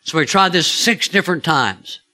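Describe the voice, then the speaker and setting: Male preacher, slightly high and very bright voice, chatty storytelling sermon, quizzes the congregation. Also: expressive, normal speed. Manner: chatty, asks the listeners questions.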